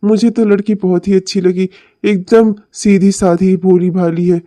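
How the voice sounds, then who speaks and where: A man's voice: sits high, flat delivery, unhurried, warm tone, no room sound. A man voicing a demanding, long-winded middle-aged uncle in a cartoon.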